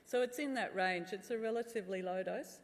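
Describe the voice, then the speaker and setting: Echoey hall recording, middle-aged woman, fairly low voice, candid medical speaker answering questions. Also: fairly quick. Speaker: anaesthetist, conference speaker. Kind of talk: answering audience questions after a medical talk. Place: large conference room. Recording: echoey hall with long reverb.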